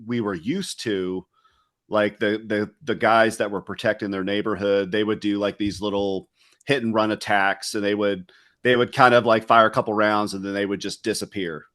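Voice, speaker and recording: Reflective middle-aged man, low voice. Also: steady tone, moderate pace, a bit bright. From West Virginia. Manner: reflective and candid, loose with fillers like "you know". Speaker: guest, retired special forces soldier. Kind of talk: casual interview talk.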